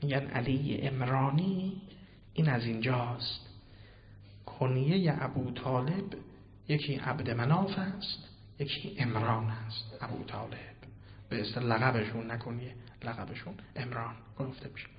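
A man giving a Quran commentary sermon, swinging between hushed and loud declaiming and posing questions he then answers himself. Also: medium pitch. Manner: asks and answers his own questions. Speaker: preacher. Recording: reverberant hall, dull lo-fi sound.

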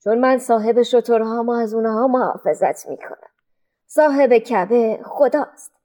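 A woman voicing a dignified old man elder who speaks calmly and steadily in a storybook. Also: on the high side, close to an everyday voice. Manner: calm, steady, faithful.

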